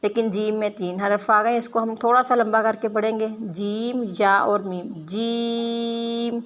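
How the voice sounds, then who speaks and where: A woman's voice: medium pitch, fairly even intonation, fairly bright tone. A woman teaching a Quran reading lesson, explaining mouth positions and drawing out each letter sound with emphasis. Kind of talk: slow, careful letter-by-letter pronunciation lesson.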